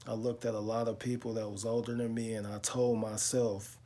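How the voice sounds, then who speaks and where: A man, talking slowly and reflectively to his viewers in a casual vlog, with lots of pauses and fillers. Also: fairly low pitch, little pitch movement, dark tone. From Chicago. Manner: slow, reflective storytelling with many pauses and fillers. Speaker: car vlogger. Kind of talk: casual talk to camera.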